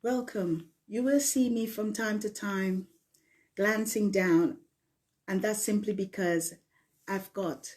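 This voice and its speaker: A middle-aged leadership coach from Guyana, who later lived in the UK, presents a challenge in a live online coaching talk from slides. She speaks in deliberate phrases, repeating words for emphasis, in a steady, medium-pitched, darkish voice.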